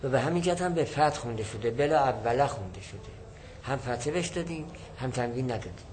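A man's voice: mid-range voice, lively intonation, a little mellow, a little hiss or hum, low-quality recording. A man teaching a lesson, reading a classical text and explaining it line by line, repeating and rephrasing points. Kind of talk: lecturing on a classical Arabic text.

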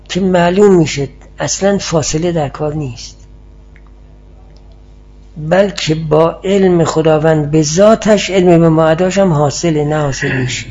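A male teacher lectures in a measured, explanatory way, pausing to answer his students. His voice sits a little high but sounds mellow and husky. The recording is dull and muffled. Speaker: teacher of Islamic philosophy. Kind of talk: classroom lecture.

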